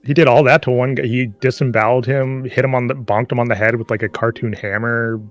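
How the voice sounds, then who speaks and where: A man's voice: mid-range voice, steady tone. A man co-hosting a live stream, reading a book aloud with sarcastic, swearing commentary. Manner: sarcastic, swears, stumbles and reads haltingly. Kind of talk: comic read-aloud with running commentary.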